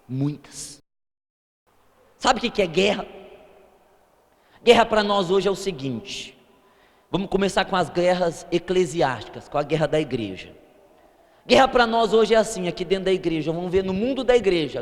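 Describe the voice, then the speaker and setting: A male pastor preaching a sermon in a church sanctuary, swinging between loud emphatic declarations and low, quiet asides. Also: long reverb tail.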